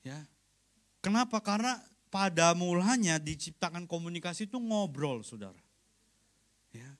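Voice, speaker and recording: A man's voice: high-pitched, lively intonation, moderate pace. A man, a pastor, preaching a sermon in a conversational, joking way, often turning to the congregation and acting out everyday exchanges. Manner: acts out short everyday exchanges.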